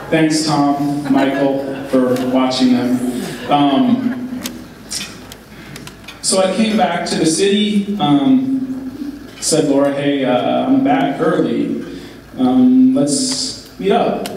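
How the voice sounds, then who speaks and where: A man giving an informal wedding speech as the groom, talking in a halting, candid way with wry asides. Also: mid-range voice, a little mellow. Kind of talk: informal wedding speech, partly read aloud. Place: large reverberant event room with audience. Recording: echoey hall, distant mic, background noise.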